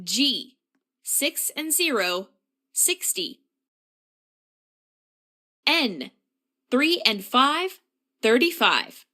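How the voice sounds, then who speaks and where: A woman's voice: high-pitched, big pitch swings, extremely slow, pauses often, sharp tone. A woman working as a bingo caller, announcing numbers in short, clipped, formulaic phrases.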